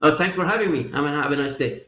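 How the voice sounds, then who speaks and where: A man's voice: a little high, quick pace, fairly bright tone. Emphatic male interview guest, roomy sound. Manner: emphatic, repeats key points. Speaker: political guest. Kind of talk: interview answers.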